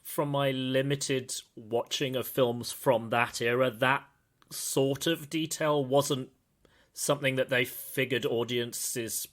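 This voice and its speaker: A man with a bright, forceful voice hosts a film podcast in casual chat. He halts and restarts often and breaks into lively asides. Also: mid-range voice. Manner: halting, many restarts, animated asides. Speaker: podcast host.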